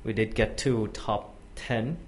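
A man's voice: fairly low pitch, fairly even intonation, a little hiss or hum. A man from Thailand, a company head, talking casually in an interview, full of fillers and restarts. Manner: halting, many fillers and restarts. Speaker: guest, tech company CEO. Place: office space.

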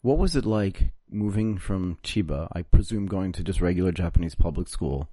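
Deep-voiced, jokey podcast host. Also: male voice, animated, moderate pace, warm tone, no room sound. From United States. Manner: jokey, chatty, talks over the guest. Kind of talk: casual interview chat.

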